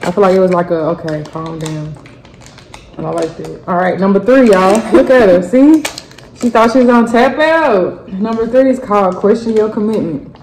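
A woman's voice: mid-range voice, moderate pace, darkish tone. A woman cheers on her partner in a casual challenge video, counting down and repeating her encouragement. Her voice sits in a mid range. The sound is echoey, with a faint hiss behind her.

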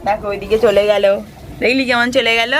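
A woman's voice: on the high side, steady tone, fairly quick, background noise. Chatty young mother vlogging on a rooftop. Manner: chatty, talking to viewers while coaxing her small daughter. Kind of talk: casual vlog narration to viewers. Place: rooftop outdoors in light rain.

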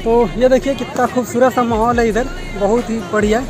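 A man's voice: very high voice, fairly even intonation, music in the background, a crowd in the background, poor audio. A man narrating a travel vlog outdoors, chatting as he shows viewers around a waterfall. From India. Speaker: vlogger. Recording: outdoor noise, rushing water.

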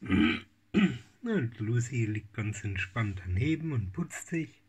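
A middle-aged man, a cat breeder talking in a casual home vlog, cooing softly in baby talk and often slipping into whispers. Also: mid-range voice, very animated, takes it slowly, breathy edge. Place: home room with kittens.

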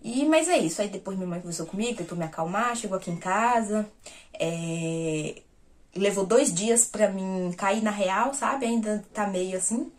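A woman vlogger shares personal news in a casual storytelling style, speaking at medium pitch and a moderate pace. She talks straight to her viewers, calling them "gente," and acts out the conversations she recounts.

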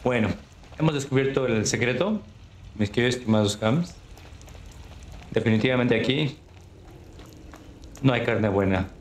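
A man giving casual, unhurried gameplay commentary on a livestream, thinking aloud as he plays. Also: mid-range voice. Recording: roomy echo with clear background noise.

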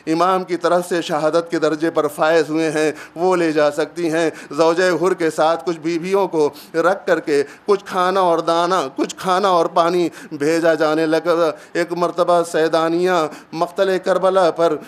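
A man's voice: a little high, little pitch movement, hardly any pauses. A male preacher telling a mournful story in a sermon, often calling out to his listeners. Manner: mournful storytelling, repeated calls to the audience. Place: gathering hall.

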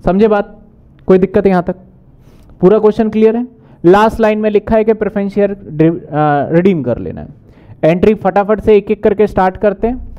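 A man teaching accounting in a brisk lecture, asking questions and answering them himself. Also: high-pitched, lively intonation, clean tone, muffled recording. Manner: brisk, asks and answers his own questions. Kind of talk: whiteboard lecture.

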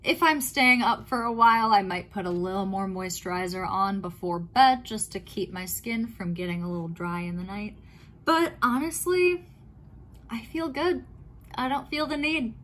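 A woman's voice: medium pitch, normal speed, a bit bright. A woman talking casually through her nighttime skincare routine in a chatty, meandering way, with fillers and small self-corrections. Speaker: skincare vlogger. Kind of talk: casual talk-through while doing skincare.

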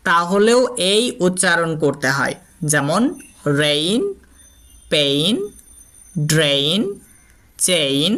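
Bright, crisp teacher's voice. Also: mid-range voice. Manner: patient, repeats each example word slowly. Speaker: English reading teacher. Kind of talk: explaining phonics lesson to young children.

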